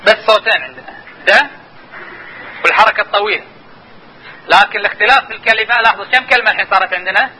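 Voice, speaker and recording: A man's voice: sits high, rapid-fire, pushed and bright, slightly rough, low-quality recording. A man giving a linguistics lesson, explaining patiently and telling listeners to watch and notice. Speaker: linguistics lecturer. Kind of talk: classroom lecture.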